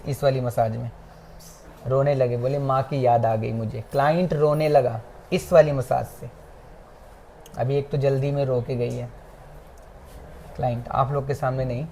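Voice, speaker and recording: A massage instructor giving a hands-on class demonstration, with soft, repeated cues and frequent check-ins with the students. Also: medium pitch, a little hiss or hum. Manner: soft, repetitive coaching cues. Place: training academy classroom.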